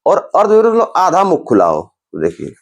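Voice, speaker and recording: Man, teacher lecturing, animated intonation, repeats each sound slowly. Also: sits high. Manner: explains slowly, repeats sounds and terms, often says "dekhiye". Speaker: Hindi grammar teacher. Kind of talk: classroom-style lecture.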